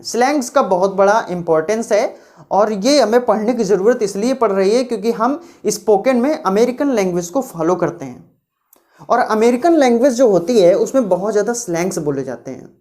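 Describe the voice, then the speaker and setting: Woman, grammar teacher, patient step-by-step explanations, deliberate reading of examples. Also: medium pitch, expressive, dark tone. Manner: explains patiently, repeating rules and correcting examples; reads English example sentences slowly and deliberately. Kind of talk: classroom grammar lecture.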